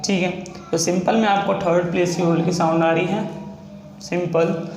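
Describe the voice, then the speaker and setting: A man teaches a shorthand lesson, slowly spelling out each sound step by step. His voice sits fairly high, and the room gives it a noticeable echo with faint noise behind. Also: fairly even intonation, darkish tone. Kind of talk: classroom-style lesson.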